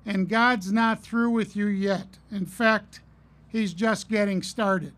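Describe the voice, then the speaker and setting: Man, middle-aged, commencement address, fairly high voice, measured pauses, podium mic. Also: fairly even intonation, fairly bright tone. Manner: earnest, storytelling, measured pauses. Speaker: commencement speaker. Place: outdoor stage at a podium. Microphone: podium mic on a stand.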